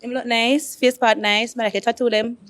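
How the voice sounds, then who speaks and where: A woman's voice: on the high side, level tone, fairly quick, noisy background. A woman, answering briefly and casually as a dating show contestant.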